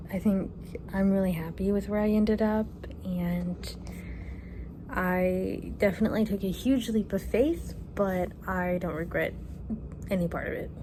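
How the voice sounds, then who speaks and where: A woman in her twenties from Kentucky answering viewer questions in a casual vlog, relaxed and chatty, thinking aloud with fillers, recorded on her phone at home. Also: mid-range voice, background noise. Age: 20s. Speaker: vlogger. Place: her apartment, indoors. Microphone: phone camera.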